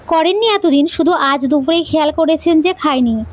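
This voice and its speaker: A woman's voice: high voice, normal speed, close to an everyday voice. A woman playing a spirited young bride. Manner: playful, pouting retorts. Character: spirited young bride, quick-tempered and teasing.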